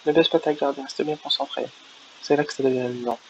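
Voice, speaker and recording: A man's voice: mid-range voice, fairly even intonation, fast, gravelly, natural voice. A man voicing a battle-hungry, mocking warrior captain, reading game dialogue aloud with a taunting edge, on a lo-fi recording. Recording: lo-fi with faint hiss.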